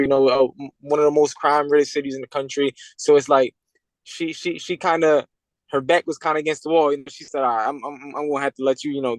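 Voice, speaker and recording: A man in his twenties, from Puerto Rico and raised in Pennsylvania, talking as a boxer guest over a video call in a halting way, full of fillers and repeated words. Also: mid-range voice, dry recording, rough recording. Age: 20s.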